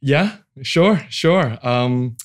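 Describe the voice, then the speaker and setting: A man in his forties from Hong Kong, founder of a venture capital firm, talks casually in an interview. He's relaxed and laughs easily, with lots of fillers and restarts, and his medium-pitched voice moves very slowly.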